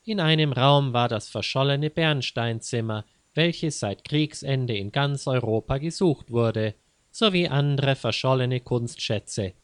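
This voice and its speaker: A man reading an audiobook story at a slow, unhurried pace, calm and measured. His voice sits in a middle register and sounds close and dry, with no room around it. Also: medium pitch, dry recording. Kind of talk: audiobook narration.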